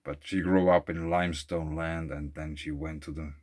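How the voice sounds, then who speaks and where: A man with a very low voice talks through a casual vlog recorded outdoors by a lake. He reads out facts, then drifts into rambling asides, thinking aloud as he goes and trailing off. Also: little pitch movement, moderate pace, darkish tone. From Switzerland. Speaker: vlogger. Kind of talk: casual musing monologue. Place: outdoors at a lakeside beach.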